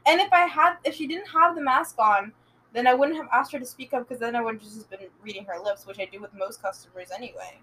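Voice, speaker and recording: A young woman co-hosting a casual podcast chat, chatty and quick to laugh, trailing off with fillers. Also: a little high, sharp tone, a little hiss or hum, low-quality recording. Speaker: podcast co-host.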